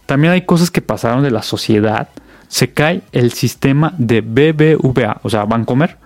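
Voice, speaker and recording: A man's voice: medium pitch, normal speed, darkish tone, dry recording. A Mexican man hosting a casual news roundup, chatty and full of fillers. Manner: chatty, many fillers and restarts. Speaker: host.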